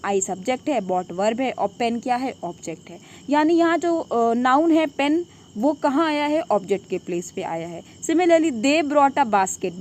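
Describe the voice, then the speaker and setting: Brief: female grammar teacher, high voice, asks then answers her own questions, faint crickets behind. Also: darkish tone, a little hiss or hum. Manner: quizzing questions answered herself. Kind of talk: classroom lesson.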